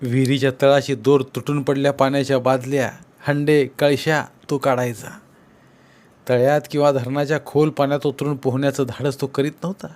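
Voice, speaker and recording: A man narrating a story as an audiobook reader, with measured, even delivery. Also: mid-range voice.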